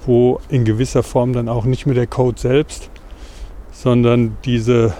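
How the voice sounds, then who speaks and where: A man's voice: medium pitch, flat delivery, unhurried, mellow, slight background noise. A male podcast co-host, a little short of breath from an injured rib, talking thoughtfully on a walk outdoors at night. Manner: thoughtful, searching for words. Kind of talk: casual conversation. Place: outdoors, walking through a foggy park at night.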